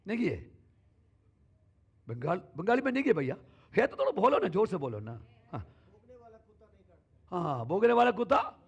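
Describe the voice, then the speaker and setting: Emphatic pastor, gravelly and husky. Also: male voice, high voice, sing-song, normal speed, long pauses, dull audio. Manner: preaching with sudden loud calls and soft asides. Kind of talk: sermon. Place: church.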